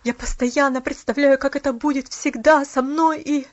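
A woman's voice: high-pitched, a little slow, no echo, highs cut off. Fields: woman voicing a young man on crutches, heartfelt. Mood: pained.

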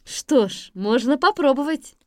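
Woman doing a calm wise tsarevna. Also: sits high, unhurried, no echo, studio quality, voice pushed up. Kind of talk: storybook reading.

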